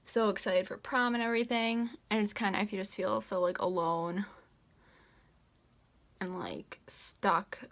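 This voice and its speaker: A woman's voice: mid-range voice, fairly even intonation, a little fast, hardly any pauses. A young woman in her late teens talks through her makeup routine at home in a loose, rambling way, leaning on filler words. She is short of breath as she speaks. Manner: chatty, rambling, many "like" fillers. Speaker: beauty vlogger. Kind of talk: casual makeup tutorial chat.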